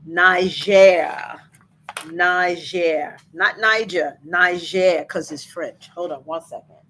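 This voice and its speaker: A middle-aged woman hosts a casual live stream and chats in an easy, unhurried way. Her voice sits a little low, and she greets viewers by name and fills pauses with "um" and "uh". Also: slight background noise. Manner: chatty, greets viewers by name, many fillers. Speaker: host of a live stream show.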